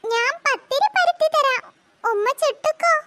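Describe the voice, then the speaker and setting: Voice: animated, a little slow, heavily acted. A voice actor doing a whiny tired cartoon boy. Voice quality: very high-pitched. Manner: whiny, reluctant. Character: young boy, tired and fasting. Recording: loud background hiss.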